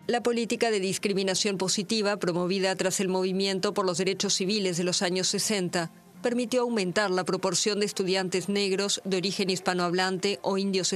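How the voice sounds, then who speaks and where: A man reading a scripted news report as voice-over, in a steady, formal delivery. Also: high-pitched. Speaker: news narrator.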